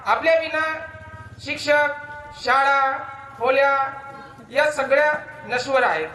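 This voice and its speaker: A man with a Khandesh Ahirani accent recites his poems at a school gathering in a declamatory, emotional way, and he repeats lines for effect. His voice sits high, and the big hall around him echoes. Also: fairly bright tone. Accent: Khandesh (Ahirani dialect). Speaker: alumnus reciting poetry at a school reunion. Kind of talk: dramatic poetry recitation.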